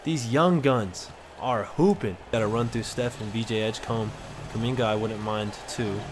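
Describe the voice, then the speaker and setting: A man giving casual, excited play-by-play commentary over a basketball video game, with slang in his talk. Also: medium pitch, a little hiss or hum. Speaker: gaming content creator.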